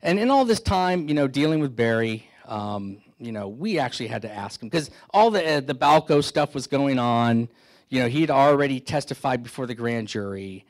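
A man's voice: mid-range voice, expressive, moderate pace. A middle-aged man from the San Francisco Bay Area gives a keynote talk, telling stories with self-deprecating humor. He speaks into a handheld microphone in an indoor meeting hall. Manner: conversational storytelling, self-deprecating humor, many restarts. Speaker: keynote speaker, FBI agent. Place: indoor meeting hall, standing before an audience.

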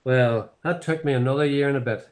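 This distillery founder, a Northern Irish man in his seventies with the local accent, talks fairly quickly in a mid-range, darkish voice. His story comes out rambling and thick with fillers during an online tasting conversation, heard through a laptop webcam on a video call from his home office.

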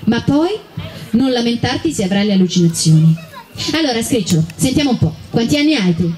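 A woman voicing Peter, a gruff but kindly old woodcutter who teases and grumbles. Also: a little high, lively intonation, fairly quick, darkish tone, natural voice. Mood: grumbling. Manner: teasing, grumbling.

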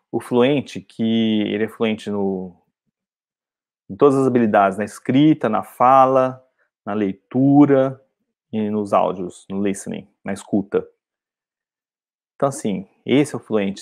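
Mellow-voiced Brazilian teacher talking casually. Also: male voice, lowish voice, vocal fry. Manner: conversational, often asks "entendeu?". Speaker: English teacher. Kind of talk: casual spoken lesson.

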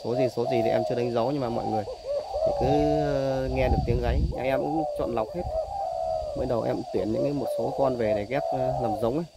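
Man filming doves, loud cooing behind. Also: mid-range voice, steady tone, quick pace, creaky. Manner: chatty, repeats "đấy" between points. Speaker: dove breeder selling birds. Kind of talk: casual phone video tour. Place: bird aviary with cages. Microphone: phone held while filming. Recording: loud bird noise on phone audio. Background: doves cooing loudly.

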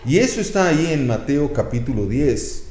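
Older Mexican pastor preaching in a roomy space. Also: male voice, mid-range voice, moderate pace. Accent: Mexican Spanish. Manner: lively preaching with sound effects and acted pleas. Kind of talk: sermon.

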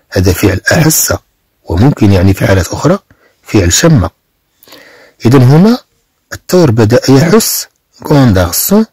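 A man teaching a French reading text, repeating and translating phrases slowly. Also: medium pitch, darkish tone, breathy edge, no echo.

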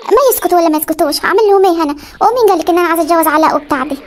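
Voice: very high voice, rapid-fire. An actor voicing a cheeky, lazy young village daughter in a comedy cartoon, whining and talking back, with an Upper Egyptian accent. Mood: defiant. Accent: Upper Egyptian Arabic. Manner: whiny, talks back, stalls.

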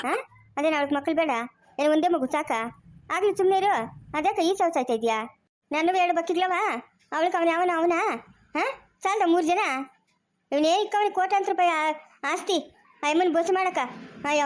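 A woman playing a quarrelsome, jealous village housewife who rants and curses nonstop in a comedy skit, with a rural Chikkaballapur Kannada accent. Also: lightly acted. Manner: shrill, rapid, nonstop ranting and cursing. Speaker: actor in a family comedy skit.

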